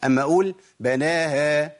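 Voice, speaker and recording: Egyptian man teaching recitation, slightly high voice. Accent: Egyptian Arabic. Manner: asks rhetorical questions, drawls demonstration words slowly. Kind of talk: recorded recitation lesson.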